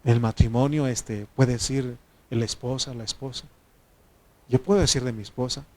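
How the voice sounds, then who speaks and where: A man's voice: mid-range voice, steady tone, moderate pace, darkish tone. A man in his thirties with a Mexican accent, preaching a conversational sermon and often adding "amén". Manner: conversational, repeats phrases, frequent "amén".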